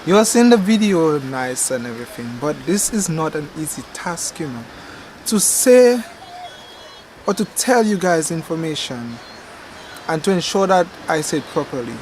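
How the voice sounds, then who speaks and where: A young man from Dominica who hosts a gardening channel chats casually to a camcorder mic outdoors in a backyard garden, with faint yard ambience and slight background noise behind him. His voice is slightly raised in pitch, and he's relaxed and rambling, correcting himself and laughing at his own slips.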